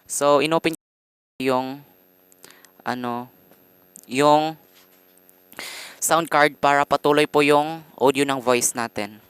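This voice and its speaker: A man with a Filipino accent, giving a casual how-to vlog with lots of pauses and fillers, talking into a condenser microphone. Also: a little high, steady tone, a bit bright, smooth, no room sound. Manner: hesitant, fillers and frequent pauses; addresses viewers politely as guys. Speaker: vlogger. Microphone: condenser mic through a sound card.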